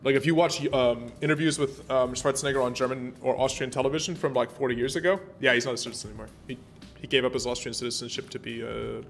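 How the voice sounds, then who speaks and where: A man's voice: mid-range voice, fairly even intonation, fast, vocal fry, soft background music. Chatty male game streamer, rambling. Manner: rambling, chatty, many fillers and restarts. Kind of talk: casual gameplay commentary.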